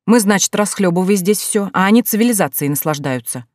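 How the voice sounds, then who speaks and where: A woman's voice: mid-range voice, lively intonation, fairly quick, darkish tone, no room sound, lightly acted. Woman voicing a grumbling young woman, audiobook, dry sound. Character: grumpy sharp-tongued young woman, the heroine's friend.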